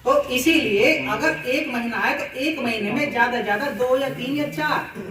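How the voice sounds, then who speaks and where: A man's voice: very high-pitched, noisy background. Man presenting in an echoey school hall. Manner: explanatory, repeats words, uses everyday examples. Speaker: presenter at a teachers' cluster meeting. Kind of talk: presentation to fellow teachers. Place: school meeting room. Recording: echoey room, voice far from mic.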